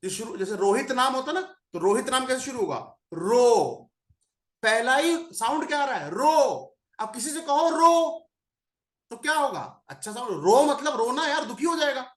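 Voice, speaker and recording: A man's voice: very high-pitched, big pitch swings, moderate pace, fairly bright tone, roomy sound. A man teaching numerology, who repeats single syllables again and again and stretches them out for emphasis. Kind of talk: explanatory lesson.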